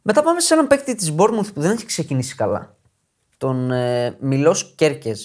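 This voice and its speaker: Lively, chatty Greek podcast co-host. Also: male voice, fairly high pitch. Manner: presents players one by one, lively and chatty. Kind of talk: casual football podcast chat.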